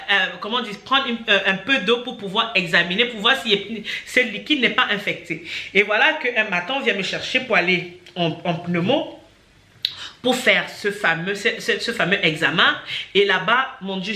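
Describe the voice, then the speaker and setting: A young woman telling her own story as a personal testimony, animated and often restarting her sentences, invoking God as she goes. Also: medium pitch. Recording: echoey room.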